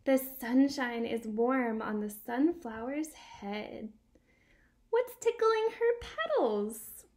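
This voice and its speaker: This is a picture-book read-aloud with sign lessons, aimed at young children and led by a young female teacher. Her voice is high and lively, moving at an unhurried, sing-song pace. The setting is a small room in her home near a window.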